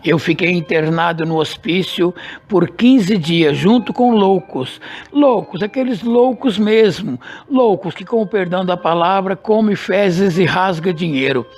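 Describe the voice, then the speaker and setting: A man giving an emotional personal church testimony, slow and dramatic, repeating phrases for emphasis. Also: high-pitched, a little mellow. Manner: slow, deliberate storytelling.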